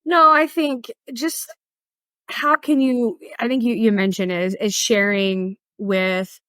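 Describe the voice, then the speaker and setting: A woman's voice: fairly high pitch, steady tone, slow, a bit bright, dry recording. A woman hosting an interview podcast, speaking thoughtfully, often restarting her sentences as she sums up points. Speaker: podcast host. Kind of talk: conversational interview.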